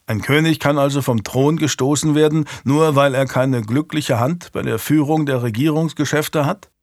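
A man voicing a proud, defiant male lord who speaks in a sardonic, measured way, in a dry studio recording. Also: a little high, fairly even intonation, no room sound, close to an everyday voice.

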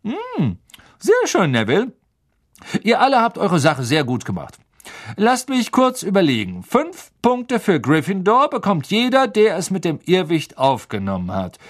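A man voicing a brisk, encouraging male teacher in a storybook reading, calling out eagerly in a raised, loud voice. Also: on the high side, wildly swooping pitch, slightly rough, voice pushed up, exaggerated voice. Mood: cheering on.

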